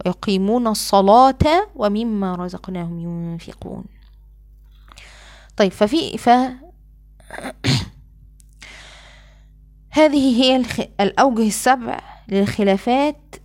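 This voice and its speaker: A woman with an Egyptian accent teaches in a fairly high voice. She explains in a relaxed, conversational way, then slows right down to recite her examples at length. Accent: Egyptian Arabic. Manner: shifts from colloquial explanation to slow, drawn-out recitation of examples. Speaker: Quran sciences teacher. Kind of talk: lecture.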